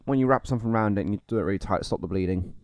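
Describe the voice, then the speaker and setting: Fast-talking, low-voiced man. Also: darkish tone, no room sound, studio quality. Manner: playful, rambling and joking. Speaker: podcast co-host. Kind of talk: casual comedic chat.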